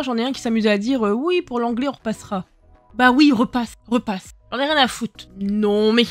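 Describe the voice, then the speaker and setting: A woman's voice: on the high side, fairly bright tone. A tired young woman from France chatting casually about her retro game collection, laughing at herself and swearing now and then. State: tired after work. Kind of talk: casual vlog chat. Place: game room at home, indoors.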